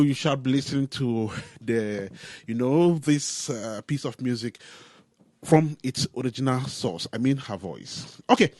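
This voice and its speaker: Measured man hosting radio. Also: mid-range voice, no room sound. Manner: measured, with frequent "uh" and "um" pauses. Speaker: radio show host. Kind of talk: radio interview. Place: radio studio.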